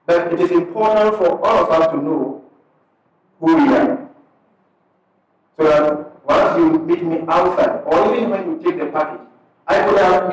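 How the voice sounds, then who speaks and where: Speaking to a gathered crowd at a community event, this Ghanaian-accented imam and parish missionary sounds easygoing and unhurried, his thoughts coming in short, halting fragments. His voice sits a little high for a man. He's captured from a distance in a hall full of echo.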